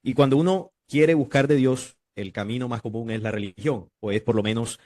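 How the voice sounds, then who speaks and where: A man from Colombia, a guest calmly explaining in an interview. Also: mid-range voice, a little fast, dry recording, clean studio sound. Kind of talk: casual interview chat.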